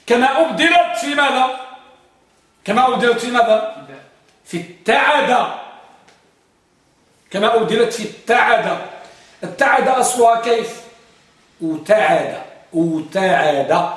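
A man teaching Arabic grammar to a class, quizzing students by name and drawing out example words slowly. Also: high voice, a bit bright. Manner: drills students with repeated questions, drawn-out examples. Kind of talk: classroom lesson, questioning students. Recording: very echoey room, mic far off.

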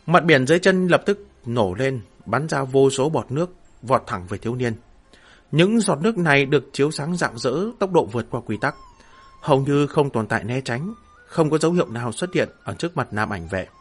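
Male narrator, mid-pitched, steady dramatic reading, faint music bed. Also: slightly rough. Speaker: audiobook narrator. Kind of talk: fantasy novel narration.

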